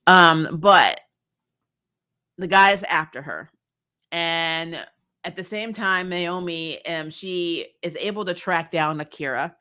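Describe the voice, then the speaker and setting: Speaking slowly at a medium pitch, a middle-aged TV recap host sounds pushed, bright, clear and resonant. Having grown up on military bases, the host gives a casual, opinionated review, blunt, frequently exasperated and quick to swear.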